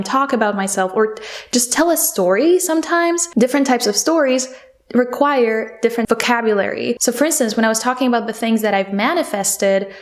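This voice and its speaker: A young woman from Poland with a Polish accent, a native Polish speaker, talking in a chatty, candid way in a casual diary-style monologue. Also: fairly high pitch. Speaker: language mentor and podcast host.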